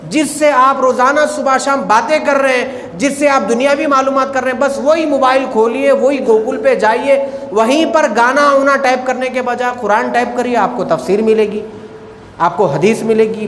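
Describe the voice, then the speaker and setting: A man's voice: very high voice, fairly bright tone, slight background noise. A man giving a Friday sermon in a mosque, explaining pronunciation and repeating his phrases, often calling listeners brother. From India. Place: mosque hall. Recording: echoey mosque hall with faint ambience.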